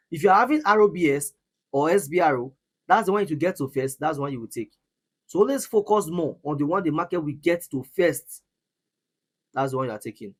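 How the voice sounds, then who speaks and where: Brief: male trading coach, slightly high voice, emphatic, repeats himself, live Q&A host. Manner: emphatic, repeats words, teasing laughs. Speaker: forex trading coach hosting live session. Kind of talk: live online trading lesson with Q&A.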